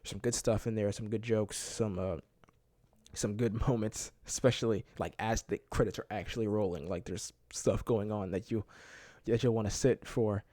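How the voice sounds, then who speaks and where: A man's voice: fairly low pitch, fairly even intonation, normal speed, dark tone, no room sound. A man giving a casual movie review, enthusiastic and rambling, laughing often and filling his talk with casual fillers. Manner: filler-heavy, keeps saying "like" and "man".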